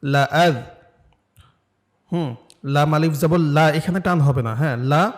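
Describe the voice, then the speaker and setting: A man from Bangladesh teaches Quran recitation in a classroom, speaking slowly in a fairly high voice. He patiently corrects his students and prompts them to repeat during live drills.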